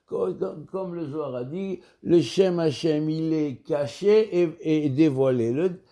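Mellow, higher-voiced man teaching scripture. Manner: measured, repeats key words while explaining. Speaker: Torah teacher. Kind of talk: religious text lesson.

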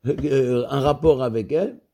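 A man giving a religious text lesson as a Torah teacher, explaining in a measured way and repeating key words to drive points home. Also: medium pitch, warm tone.

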